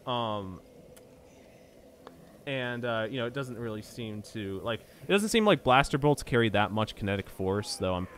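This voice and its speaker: A young gameplay streamer with a lowish, animated voice chats casually at a moderate pace while playing, his tone fairly bright. He rambles, stammers over his words, and swears when something annoys him, with slight background noise behind him.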